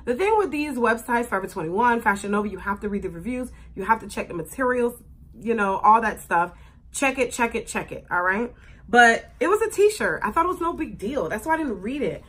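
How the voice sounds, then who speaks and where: A young woman venting on her vlog, exasperated and animated as she complains. Her voice sits a little high and swings widely in pitch, with a husky, breathy edge. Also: brisk. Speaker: vlogger. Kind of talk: casual product review rant.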